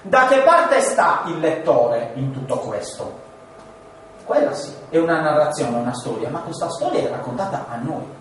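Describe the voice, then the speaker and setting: A man teaching a class on Genesis, animated and full of rhetorical questions, sometimes acting out voices. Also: fairly high pitch, normal speed, a little hiss or hum. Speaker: Bible teacher. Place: large room with listeners. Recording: echoey hall, distant mic.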